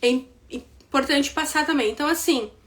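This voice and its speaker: A woman with a bright, high voice and a southern Brazilian accent leads an online business lesson. She talks straight to her audience and keeps checking in with a quick "tá?". Now and then she acts out excuses in a quicker, higher voice. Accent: southern Brazilian, Rio Grande do Sul. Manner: direct, repeats points with "tá?" check-ins. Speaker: business mentor. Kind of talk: online class to women entrepreneurs.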